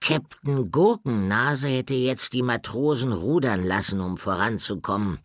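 A man voicing a grumbling, wistful male bird with claws in an audiobook, drawn out and slow. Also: mid-range voice, dry recording, studio quality, pitched above the performer's own voice, natural voice. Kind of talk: audiobook character voice.

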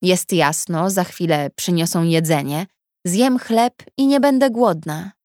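Female audiobook narrator, measured and subdued, unhurried first-person reading, dry close mic. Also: lowish voice, a little mellow, dry recording.

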